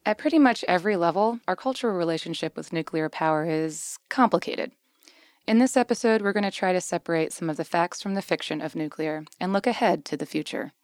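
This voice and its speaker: A woman's voice: fairly low pitch, a little fast, darkish tone, no room sound, clean studio sound. A woman co-hosting a podcast, reading a scripted intro and chatting in a friendly, laughing way. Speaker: podcast co-host. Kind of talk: scripted podcast narration and banter.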